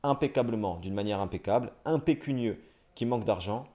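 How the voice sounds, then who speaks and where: A young man streaming live, reading dictionary entries aloud at a brisk clip and breaking off for wry, self-mocking asides. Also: on the low side, warm tone. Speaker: livestreamer.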